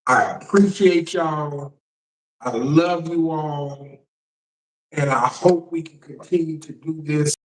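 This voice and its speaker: Male shock jock livestream host, slightly high voice, halting casual commentary with repeated words, recorded at a distance from the mic. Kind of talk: live political commentary, casual address to viewers. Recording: roomy echo, distant microphone.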